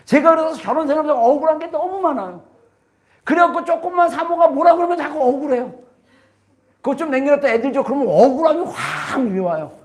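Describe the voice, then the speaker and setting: A man in his forties, a pastor, preaching a sermon with earnest emphasis and personal stories. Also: very high-pitched. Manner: earnest preaching, rising to shouts on key lines; tells personal stories with light laughter. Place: church sanctuary.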